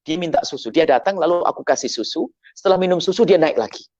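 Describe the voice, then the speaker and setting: A man voicing a calm village shepherd who explains things plainly and lively. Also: on the high side, fast talker, dry recording, highs cut off, pitched above the performer's own voice. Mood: explaining. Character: old rural shepherd man, calm and helpful.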